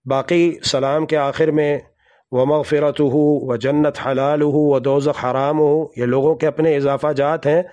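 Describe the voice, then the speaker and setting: A man giving a religious lesson in a slow, deliberate manner. He recites Arabic scripture and addresses his listeners directly as brothers and sisters. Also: a little high, darkish tone. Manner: slow, deliberate, with measured pauses; recites Arabic hadith and Quran verses. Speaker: Islamic preacher.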